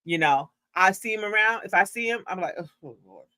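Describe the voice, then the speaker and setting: Rich: A woman with a bright, forceful voice chatting casually. She tells her own stories with energy. She leaps into character when she quotes people. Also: medium pitch, a little fast. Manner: animated storyteller, acts out quotes. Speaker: co-host. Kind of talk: casual gossip chat.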